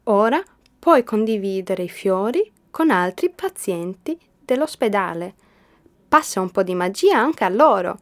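A woman voicing a kind, hopeful girl who plants magic seeds, in a storybook reading with bright, eager lines. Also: medium pitch, very animated, measured pace.

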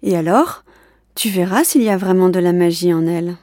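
A woman voicing a kind young girl who plants magic seeds, speaking brightly and eagerly. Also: on the low side, brisk, no room sound, clean studio sound, natural voice. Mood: gentle.

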